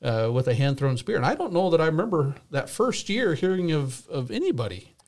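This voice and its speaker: A male host talks in a relaxed, meandering way, with plenty of "uh" and "kinda". His voice sits a little higher than most men's. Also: fairly quick. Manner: relaxed, rambling with fillers. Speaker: show host. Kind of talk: casual interview chat.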